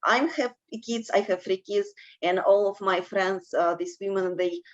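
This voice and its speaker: With fairly even intonation and a mid-range voice, a woman from Russia speaks as an alum interviewee on a video-call panel. Her delivery is halting and non-native, hesitant and filled with fillers, and the sound is lo-fi.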